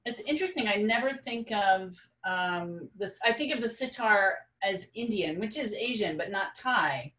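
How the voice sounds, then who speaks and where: A woman's voice: mid-range voice, lively intonation, moderate pace, hardly any pauses, a bit bright, far from the mic. A woman in her forties hosting a casual video-call interview from home, asking friendly, curious questions. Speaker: host, interviewer. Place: home room with bookshelf. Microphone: video call webcam. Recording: roomy video-call audio.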